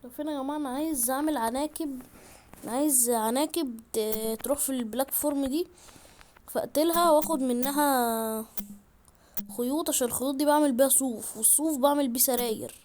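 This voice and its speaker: Excitable Egyptian woman gaming commentary. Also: sits high, quick pace, pauses often. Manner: excitable, chatty, talks to viewers. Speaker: gaming YouTuber. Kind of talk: gameplay commentary. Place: at home, in a room.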